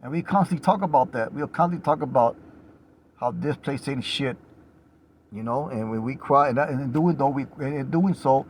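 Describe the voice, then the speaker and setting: A man giving an informal sermon. He reads scripture aloud and rises to loud, passionate cries on the refrains, swearing casually and filling his lines with "man" and "you know.". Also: mid-range voice, normal speed, slight background noise. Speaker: preacher.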